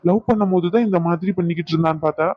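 A man's voice: high voice, racing, no room sound. A man voicing an exasperated young husband, a doctor, who pleads and complains to his grandmother about his wife. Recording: dull lo-fi.

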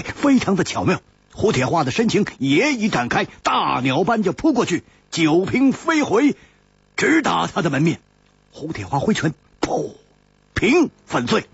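A man's voice: a little high, breathy edge, no echo. A man narrating a martial-arts audiobook in a dramatic storytelling style. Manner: slow, dramatic storytelling cadence. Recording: dull lo-fi recording, dry.

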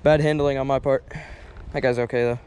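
A young man chatting excitedly while fishing on a rocky riverbank, talking to each fish as he unhooks it, recorded on a head-mounted camera outdoors. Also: medium pitch, fairly quick, a little hiss or hum. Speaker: fishing vlogger. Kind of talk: casual fishing vlog commentary. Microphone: head-mounted action camera.

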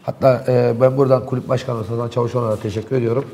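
A man's voice: mid-range voice, level tone, racing, gravelly, mellow, a little hiss or hum. A man in a local TV studio, animatedly and indignantly recounting events in heated talk.

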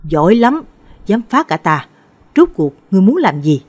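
A woman voicing a stern older male exorcist who loudly commands a spirit. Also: fairly low pitch, sing-song, fairly quick, slightly rough, no room sound. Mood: commanding.

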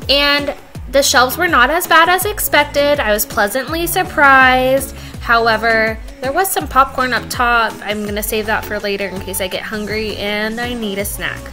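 Over loud background music, a young woman vlogger with a fairly high voice narrates her own home cleaning video at normal speed. Her voice-over is chatty and upbeat, sprinkled with self-mocking jokes.

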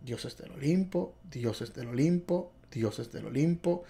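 A man's voice: mid-range voice, expressive, slow, creaky, mellow. A man tutoring for a driving theory test, exuberant and playful, repeating key points over and over. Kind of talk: video lesson.

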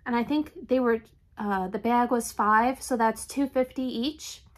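A reseller vlogger, chatty and enthusiastic, talks straight into her desk camera from a home craft room in a casual shop-with-me haul chat. Her slightly high voice is a little raspy and congested from allergies, and she clears her throat now and then while keeping a measured pace.

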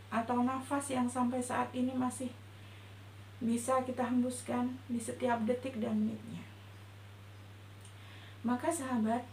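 A middle-aged woman, a religious teacher, giving a short, gentle and measured talk on faith, recorded indoors. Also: sits high, vocal fry. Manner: gentle, reflective, measured delivery. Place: indoor room before a patterned cloth backdrop. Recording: roomy echo with faint hum.

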